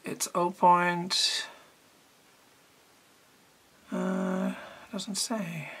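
A woman art teacher chatting casually and eagerly as she unboxes art supplies, thinking out loud as she goes. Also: fairly low pitch, flat delivery, very slow, slightly rough. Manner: chatty and enthusiastic, thinking aloud.

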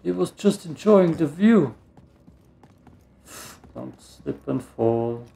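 A man gives casual game commentary as he plays. His delivery is slow and creaky, and he mutters to himself, often repeating a phrase. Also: fairly high pitch, animated, mellow. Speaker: video game streamer.

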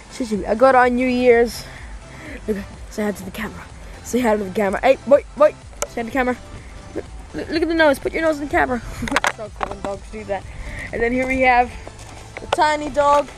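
An excitable woman vlogger with a somewhat high voice who swears freely and repeats herself as she talks to her viewers. Music plays clearly behind her throughout. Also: fairly quick, poor audio. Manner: excitable, profane, repeats phrases. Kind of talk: casual handheld vlog. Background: music playing.

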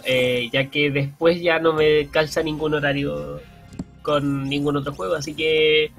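Young Chilean man, relaxed commentator. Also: fairly high pitch. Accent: Chilean Spanish. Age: young adult. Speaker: speedrun commentator. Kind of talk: casual live-stream commentary chat.

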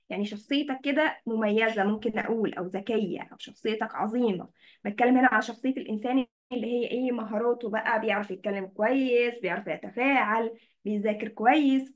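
High-voiced Egyptian woman teaching online. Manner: mixes Arabic and English, checks in often with students. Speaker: English teacher. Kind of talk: online class explaining vocabulary.

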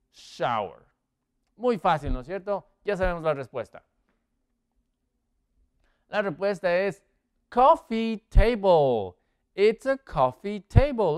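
A man teaching English vocabulary, quizzing viewers with multiple-choice options and drawing out the English words slowly for pronunciation. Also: sits high, clear, resonant tone. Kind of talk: English vocabulary lesson in Spanish.

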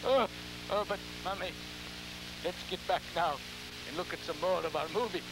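On an old television show, a man plays a ghoulish, theatrical horror host in a high voice, halting and repeating his words with campy, scheming cackles. The mood is macabre and gleeful, and the vintage recording is noisy and humming.

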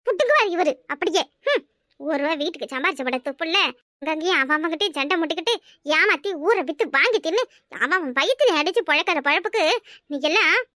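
A woman voicing a fierce quarrelsome village wife in a cartoon, with a shrill scolding manner and a Kanyakumari Tamil accent. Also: animated, fast, bright, forceful tone, no room sound, studio quality, heavily acted. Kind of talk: cartoon voice acting.

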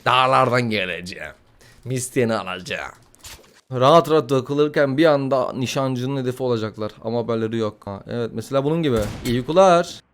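A man giving casual, excitable gameplay commentary, swearing, joking and trash-talking his opponents. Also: medium pitch, quick pace, few pauses, smooth. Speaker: gaming YouTuber.

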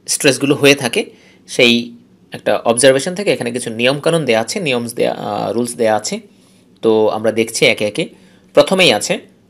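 A male English teacher from Bangladesh giving a recorded phonetics lesson. He explains slowly, repeats key terms and reads English rules aloud. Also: a little high, fairly bright tone.

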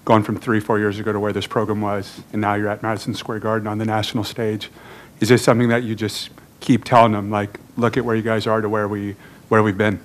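Quick, long-winded male reporter. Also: lowish voice, level tone. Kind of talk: press conference question.

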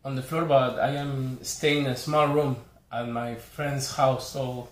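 A mid-range male voice with little pitch movement belongs to an Argentine collector showing his haul in a casual chat to camera. He speaks haltingly and apologetically, listing titles one after another. Spanish is his native tongue, his accent Argentine, and the small indoor bedroom echoes.

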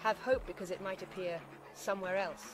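An actress playing a gentle, dreamy, eccentric teenage witch in a fantasy film parody. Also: medium pitch, steady tone, brisk, soft background music, close to an everyday voice, poor audio.

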